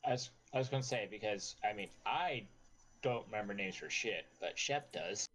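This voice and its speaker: Male gamer, fairly low voice, casual table talk during a role-playing session. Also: expressive, normal speed, fairly bright tone. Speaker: tabletop game player. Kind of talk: casual game chat.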